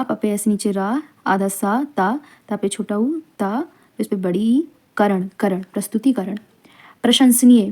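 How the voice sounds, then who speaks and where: A woman's voice: medium pitch, dark tone. Woman teacher repeating and spelling words. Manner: repeats each word slowly, spells out letters and vowel marks. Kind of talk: spelling lesson for exam revision.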